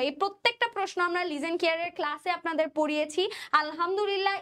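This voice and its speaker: Young female tutor, very high voice, drills and repeats answers. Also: fairly bright tone. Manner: repeats questions and answers, quizzes students. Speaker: admission test teacher. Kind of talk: online exam-prep lesson.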